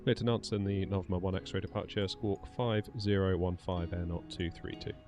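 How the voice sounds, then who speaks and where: A man's voice: low-pitched, fairly even intonation, moderate pace. A man making clipped pilot radio calls to air traffic control through a cockpit headset mic, in the set phrasing of aviation callsigns. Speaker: streamer flying a simulated airliner. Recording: background music under the voice.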